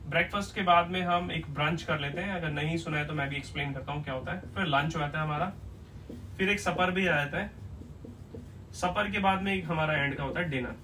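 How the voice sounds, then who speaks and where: A man teaching an English lesson at a whiteboard, explaining step by step and often checking whether it is clear. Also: a little high, sharp tone, recorded from a distance, slight background noise, poor audio.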